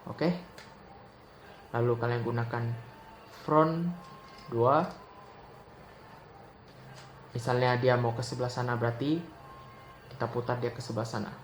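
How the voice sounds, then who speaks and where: A young man talks at an unhurried pace in a casual tutorial, calling out each move one at a time. His voice sits at a middle pitch. The recording is roomy and echoey, with clear background noise. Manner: relaxed, slow, calls out move notation. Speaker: Rubik's cube tutor. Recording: echoey room with audible noise.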